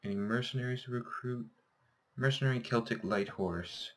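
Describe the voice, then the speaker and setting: A man's voice: mid-range voice, moderate pace, fairly bright tone. A man with a slightly scratchy, sore-throated voice commentating casually on a game, thinking aloud and correcting himself. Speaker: gameplay host.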